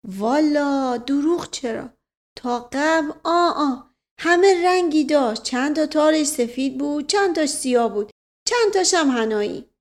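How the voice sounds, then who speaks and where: A woman's voice: high voice, lively intonation, voice pushed up. Woman doing a folksy old male servant. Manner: folksy, drawn-out, repeats his stock phrase.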